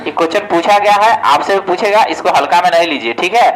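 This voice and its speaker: In a casual exam-prep history class, a male coaching teacher talks fast in a high, slightly bright voice. The low-quality recording carries a little hiss or hum, and he keeps asking questions, answering them himself, with plenty of "ठीक है".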